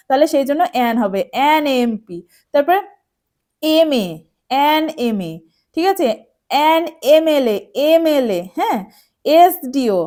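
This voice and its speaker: A woman with a high, light voice talks a class of children through a grammar rule. She goes over each point patiently and again, checking often that the students follow. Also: a little mellow. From West Bengal, India. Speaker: teacher. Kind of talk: explaining an English grammar lesson.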